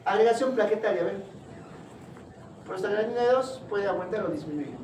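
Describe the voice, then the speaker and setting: A man giving a classroom lecture, quizzing his students with quick questions. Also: sits high, lively intonation. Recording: echoey room, far from mic, noisy.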